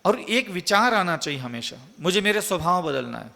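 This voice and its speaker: A man's voice: high voice, very animated, moderate pace, gravelly, sharp tone, big-room sound. A man, a monk, giving an emphatic, repetitive sermon full of rhetorical questions. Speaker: Jain monk giving a discourse.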